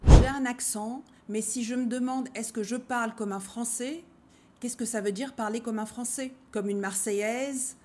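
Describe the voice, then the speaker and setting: A woman hosts a language-learning video with a voice pitched a little high. She speaks in a measured, reflective way. She poses rhetorical questions to her viewers as she works through her points. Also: fairly even intonation, noisy background. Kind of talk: reflective scripted talk to camera.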